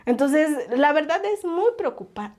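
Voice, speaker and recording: Her voice is high-pitched, expressive, and a little mellow, and she takes her time. She's a Mexican woman from the Oaxaca coast, appearing as a guest on a podcast for a casual interview. Earnest in tone, she leans heavily on fillers and tag questions.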